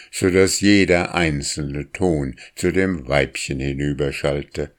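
A man narrates a storybook in a very low, unhurried voice. His reading is calm and measured, with plain, careful delivery and a leisurely pace that lets each scene unfold. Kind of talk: audiobook narration.

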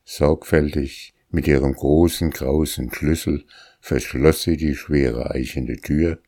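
A man narrating a classic tale in a measured, deliberate audiobook reading. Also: a bass voice, fairly even intonation, warm tone, no room sound, studio quality.

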